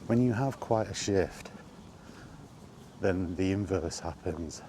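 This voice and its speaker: Out on a walk, a middle-aged man who vlogs about gaming chats loosely, pausing haltingly as he goes. His voice is deep and dark. The wind-guarded mic still picks up gusts and background noise.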